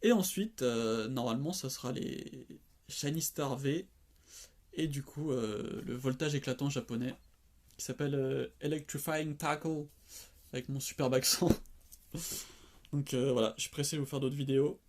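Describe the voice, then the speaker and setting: A man hosting his own channel, chatting casually and excitedly while opening cards, with many fillers and sighs. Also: mid-range voice, normal speed. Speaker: card-opening channel host. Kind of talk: casual chat.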